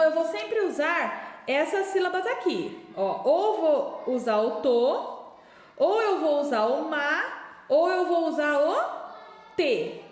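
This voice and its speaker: A woman teaching a remote early-literacy lesson, sounding out words slowly syllable by syllable in a patient, coaxing way. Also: high-pitched. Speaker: primary school teacher. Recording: echoey room, long reverb.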